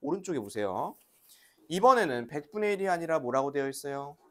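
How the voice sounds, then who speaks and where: A woman's voice: low-pitched, big pitch swings, brisk, fairly bright tone. A woman teaching a math lesson to young children in a classroom, patiently asking questions and having the class repeat after her. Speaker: elementary school teacher.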